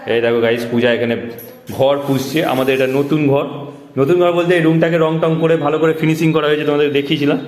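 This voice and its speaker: A man's voice: a little high, fairly even intonation, fast talker, darkish tone. A man, filming a casual family vlog at home on a phone camera, talking to viewers and repeating his questions to get answers from family. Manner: chatty, repeats himself, coaxes family for answers. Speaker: family vlogger. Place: family home indoors and around the yard. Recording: echoey rooms, faint ambient noise.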